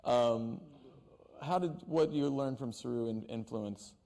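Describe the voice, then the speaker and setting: A male interviewer with a gravelly, mellow, mid-pitched voice asks his questions in a measured, hesitant way. His voice trails off into a long reverb. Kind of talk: press interview.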